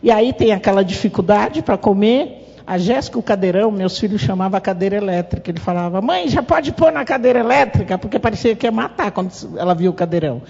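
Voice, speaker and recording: Brazilian woman, middle-aged, husky and gravelly, animated speaker at a parents' meeting, long hall reverb, muffled. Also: medium pitch, fast talker. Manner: lively storytelling, acting out quoted dialogue. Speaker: mother and parent-association speaker. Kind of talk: public talk at a family meeting. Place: conference hall. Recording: reverberant hall, dull lo-fi sound.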